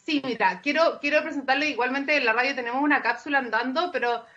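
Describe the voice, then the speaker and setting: A woman's voice: high voice, fast, sharp tone, lo-fi sound. A woman, a marketing manager, giving fluent corporate answers in a radio interview.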